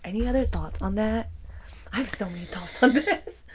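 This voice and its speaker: A young adult woman co-hosting a podcast, speaking softly and reflectively in casual chat, sometimes almost whispering. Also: mid-range voice, moderate pace, slight background noise. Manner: soft-spoken, reflective, trails off. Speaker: podcast co-host.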